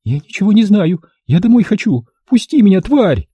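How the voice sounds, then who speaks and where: A shrill, quick-tempered young woman, pitched high with lively swings. A man puts her on as he reads the storybook aloud. Her tone stays husky and dark. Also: no echo, highs cut off, exaggerated voice. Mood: panicked.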